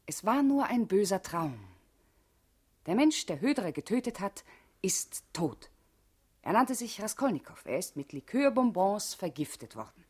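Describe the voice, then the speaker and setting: In a German radio play, an actress voices a guarded female party comrade, speaking gravely and deliberately in a husky, intimate voice. Her medium-pitched, darkish delivery swings widely in pitch and sounds urgent and pleading.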